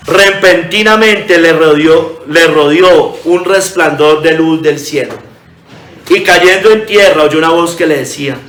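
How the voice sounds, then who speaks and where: A man's voice: on the high side, a bit bright, echoey room. A pastor preaching a sermon in earnest, reading scripture aloud and calling his listeners brothers.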